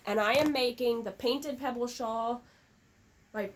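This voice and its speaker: Woman chatting on a podcast, rambly and excited, kinda husky. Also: fairly high pitch, a little slow. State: coughing now and then. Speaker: podcast co-host. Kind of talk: casual chat.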